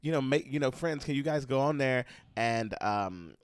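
A man's voice: medium pitch, expressive, moderate pace, clean tone, dry recording, studio quality. A man hosting a podcast in casual chat, joking and rambling with many fillers. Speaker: podcast host.

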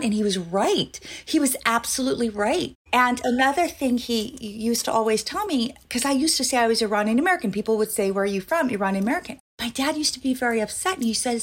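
A woman's voice: on the high side, animated, fairly quick, few pauses. A middle-aged woman from Iran, a former government official, speaking earnestly as a podcast guest. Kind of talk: interview conversation.

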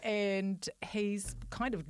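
A woman's voice: mid-range voice, steady tone, very slow, smooth, dry recording. A woman with a New Zealand accent chatting casually, with an informal, playful way of telling a story. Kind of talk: casual chat.

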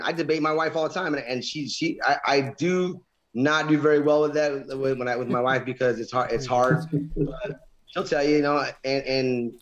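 A man's voice: mid-range voice, highs cut off. A man in casual religious conversation, speaking earnestly and emphatically and often repeating his phrases.

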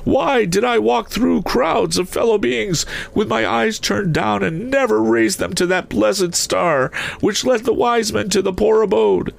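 A man reads a storybook, heavily acting the part of a dead businessman's anguished ghost in a remorseful mood. He pushes his creaky voice high, declaiming mournfully and stretching out solemn words.

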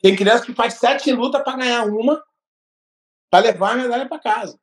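A man's voice: extremely high pitch, normal speed. A middle-aged man from Brazil with a Brazilian Portuguese accent, telling stories in a casual chat and acting out the dialogue. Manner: storytelling, emphatic, acts out dialogue. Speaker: gym owner and martial arts coach.

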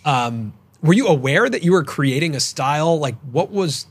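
A man's voice: a little high, expressive, moderate pace, husky. A man co-hosting an interview show, chatting casually and acting out quoted thoughts with animation. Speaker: podcast co-host.

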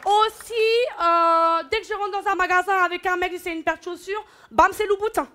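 A woman's voice: extremely high pitch, steady tone, brisk, noisy background. A woman doing stand-up comedy on a large stage, brash and teasing the audience. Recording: live show with music and crowd. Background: music and audience laughter.

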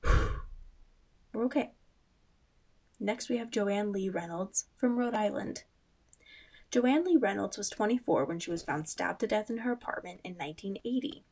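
A woman's voice: mid-range voice, normal speed, creaky, a little mellow, slightly rough. A young woman hosting a casual true-crime chat, talking in a loose, rambling way with frequent asides and ums. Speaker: podcast host.

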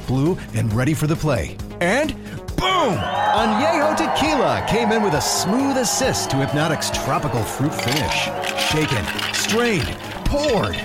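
A man reading scripted commercials as an advertisement announcer. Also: a little high. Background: music.

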